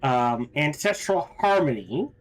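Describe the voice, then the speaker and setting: Animated game streamer thinking aloud. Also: mid-range voice, unhurried, faint music behind, low-quality recording. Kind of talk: casual gameplay commentary, thinking aloud.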